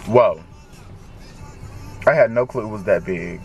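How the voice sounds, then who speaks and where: A young man, vlogging casually to his camera from his car, animated and excitable, swearing freely as he talks straight to viewers. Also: fairly low pitch, unhurried, lo-fi sound, music in the background. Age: young adult. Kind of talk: casual vlog while driving. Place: in a car driving around town. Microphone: handheld compact camera. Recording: camera audio with clear car noise. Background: car and street noise.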